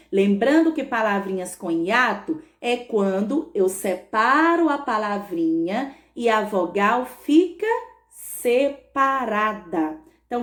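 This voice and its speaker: A schoolteacher giving a patient remote lesson to young pupils, drawing out words and checking in often. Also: female voice, on the high side. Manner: patient, stretches words, frequent "tá bom?" check-ins. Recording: echoey room.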